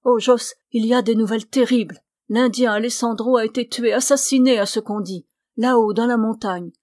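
Woman reader playing an older mother, emotional and fearless, fast and loud, storybook. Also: a little high, fairly even intonation, no room sound, clean studio sound, lightly acted. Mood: distressed. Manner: breathless, emotional.

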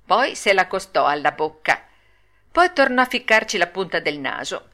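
A woman narrating a children's classic audiobook in an expressive, animated manner. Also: fairly low pitch, moderate pace. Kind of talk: storybook narration.

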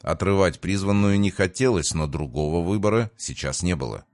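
Male narrator, low and measured, dry studio read, first-person audiobook. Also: a little mellow, no echo.

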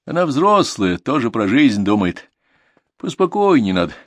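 A man voicing a calm, kindly middle-aged godfather in an audiobook, soothing and easygoing. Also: mid-range voice, normal speed, no echo, voice pushed up.

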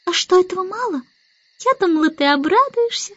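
A woman reading an audiobook and voicing a sleepy, petulant baby girl in a high, childish voice. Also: animated, brisk, no echo, highs cut off. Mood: whiny.

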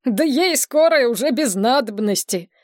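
A woman voicing a stout resort guard, blunt and loud, speaking plainly. Dry, close audiobook sound. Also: fairly high pitch, lively intonation, a little slow, no room sound, pitched above the performer's own voice.

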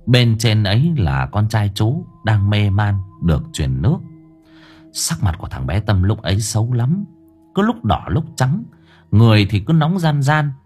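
A man narrating a ghost story in an expressive, lively storytelling manner. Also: fairly low pitch, unhurried, soft background music. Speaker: audiobook narrator.

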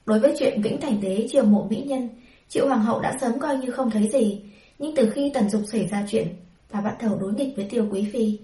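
Mellow woman narrating a novel. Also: a little high, fairly quick, echoey room, distant mic, rough recording. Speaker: audiobook narrator.

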